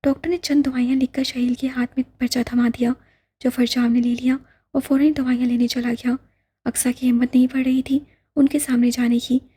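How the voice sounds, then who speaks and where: Casting: female audiobook narrator, slightly high, mellow and breathy, calm even reading. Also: fairly quick. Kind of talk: scripted narration.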